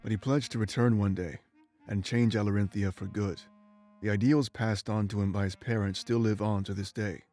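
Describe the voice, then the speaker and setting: An actor voices an ancient, immortal former rebel warrior in a video game, a remorseful, weary man delivering a grave, confessional monologue that is solemn, measured, and bitter. The male voice is fairly low, steady, warm, and natural, with soft background music.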